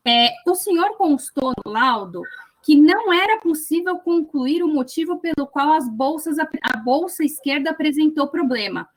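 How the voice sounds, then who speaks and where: High-voiced woman lawyer questioning. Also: lively intonation, moderate pace. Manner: persistent, formal, precise. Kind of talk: courtroom questioning over video call. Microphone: video call.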